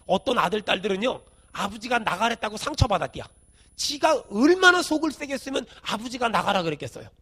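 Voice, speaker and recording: A middle-aged man preaching a sermon as senior pastor, with a folksy, colloquial way of telling stories. He leads the congregation in call-and-response and swings from shouted emphasis to quiet, low asides. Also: very animated, brisk, slightly rough.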